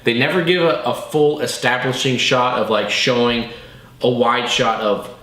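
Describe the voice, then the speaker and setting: A man's voice: mid-range voice, steady tone, moderate pace, a bit bright. A man co-hosting a casual movie review chat, talking like an enthusiastic fan with plenty of swearing and slang. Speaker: co-host of a movie review show. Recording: roomy, echoey room.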